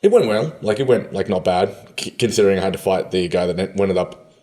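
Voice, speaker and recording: A man's voice: low voice, a little fast, darkish tone. A man with an Australian accent, chatting casually as a podcast guest, laid-back and often laughing. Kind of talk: casual interview chat.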